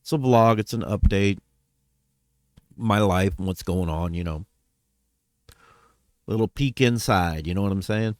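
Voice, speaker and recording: A man's voice: lowish voice, unhurried, pauses often, no echo, studio quality. A man talking casually in a personal vlog update, rambling, trailing off and correcting himself as he goes. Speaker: vlogger.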